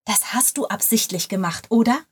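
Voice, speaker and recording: A woman reading the lines of a cynical female lawyer, exclaiming in a raised, louder voice. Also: normal speed, slightly rough, close to an everyday voice. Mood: exasperated. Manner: exclaiming, higher and louder than the narration.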